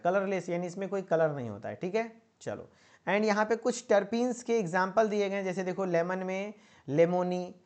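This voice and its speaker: A man's voice: sits high, highs cut off. A man giving an online lecture to pharmacy students, repeating points and checking in with a coaxing "okay?". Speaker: pharmacy teacher. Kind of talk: online exam-prep lecture.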